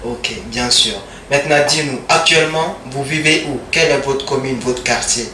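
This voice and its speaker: A male radio host with a bright, forward voice who keeps repeating his guest's words and pausing on fillers. He sits a little back from the mic in a studio with a roomy echo. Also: mid-range voice, far from the mic, slight background noise. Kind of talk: radio interview.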